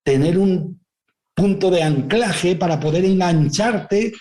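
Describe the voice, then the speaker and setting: A man's voice: high voice, slow pace, mellow. A man giving a spiritual motivational talk, explaining ideas and checking in with rhetorical questions. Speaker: speaker, writer.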